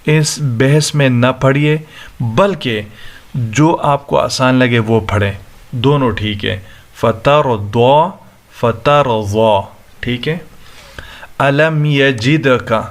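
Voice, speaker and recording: A man teaching Quran recitation, reciting verses in a slow, drawn-out melody and then explaining the rules in quick conversational speech. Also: mid-range voice. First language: Urdu. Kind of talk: Quran recitation and tajweed lesson.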